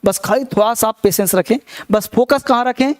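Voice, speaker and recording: A man's voice: sits high, brisk. A man teaching English grammar in a live online class, reassuring his students, repeating his points and quizzing them.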